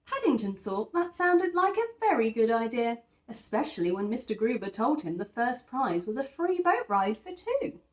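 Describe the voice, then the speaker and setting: A teacher reads a picture book aloud to young children, narrating the scripted story expressively and stressing key words along the way. Her voice is a little high and sing-song, at normal speed with hardly any pauses, and the sound is reverberant.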